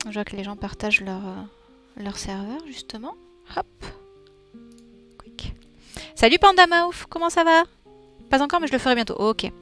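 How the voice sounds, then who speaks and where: A woman's voice: fairly high pitch, a little fast, a bit bright, faint music behind. A woman livestreaming while she draws, chatting with viewers and thinking aloud with playful little sound effects. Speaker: streamer. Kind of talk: casual livestream chat while drawing.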